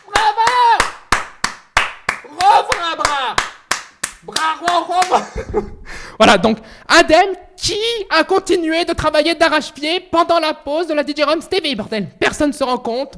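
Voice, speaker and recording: Very high-pitched, lively young man streaming. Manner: excitable, swears often, playful outbursts. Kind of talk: casual livestream chat.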